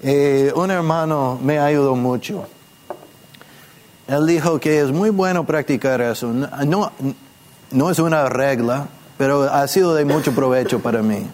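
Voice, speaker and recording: A man teaching a church gathering in a conversational way, asking listeners questions and gently demonstrating how to pray. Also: mid-range voice, unhurried. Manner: patient, asks questions and demonstrates prayers softly.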